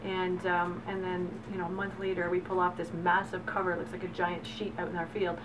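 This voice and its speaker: A middle-aged woman talks about her farm in an easy, enthusiastic way, stopping often for "um" and "you know". She sits some way from the microphone, and steady background noise runs under her voice. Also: fairly low pitch, a little fast. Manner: enthusiastic, chatty, many fillers. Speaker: farm owner. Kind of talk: casual interview storytelling. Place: outdoors on a farm. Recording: distant mic with background noise.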